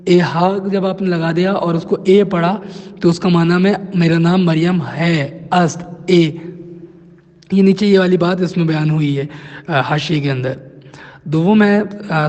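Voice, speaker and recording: A man teaching a language lesson from a textbook, explaining patiently and repeating example phrases slowly. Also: high-pitched, darkish tone, big-room sound, muffled recording.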